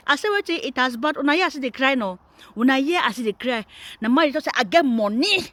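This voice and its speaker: A woman's voice: sits high, lively intonation, fairly quick, fairly bright tone, dry recording. A Nigerian woman vlogger giving teasing, mocking commentary. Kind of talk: casual commentary in Pidgin.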